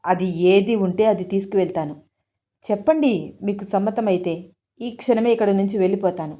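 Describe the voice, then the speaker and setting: Woman doing a nosy older lady, accusing, loud and tearful, medium pitch. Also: a little fast, natural voice. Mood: aggrieved. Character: blunt meddling older woman, grieving mother.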